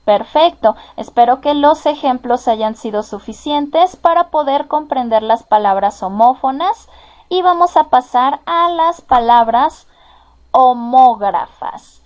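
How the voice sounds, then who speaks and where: Slow, patient Mexican woman teaching. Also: high-pitched. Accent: Mexican Spanish. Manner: slow, patient, repeats each example sentence. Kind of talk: slow, careful classroom explanation.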